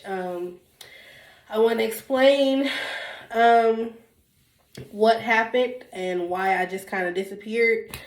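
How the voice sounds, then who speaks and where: A young YouTuber with a cold-stuffed nose sits and talks candidly to the camera, rambling casually with many ums and restarts. Her voice is mid-range with a slight hiss or hum, and the room sounds echoey.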